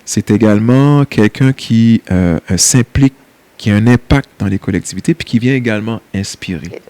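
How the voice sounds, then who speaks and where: A man from Quebec with a Québécois French accent, a nonprofit CEO, chats casually as an interview guest, hesitating with many fillers and laughing easily. His voice is lowish and warm, at a moderate pace, in a dry recording.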